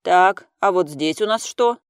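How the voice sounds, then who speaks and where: A man's voice: high-pitched, measured pace, clear, resonant tone, dry recording, studio quality, voice pushed up. A man voicing a bossy older man who gives orders in a commanding tone.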